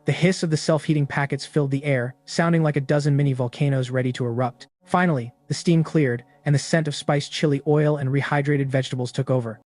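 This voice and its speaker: A man's voice: medium pitch, fast, few pauses. Man narrating a story recap. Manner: steady, matter-of-fact storytelling. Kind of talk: first-person scripted narration.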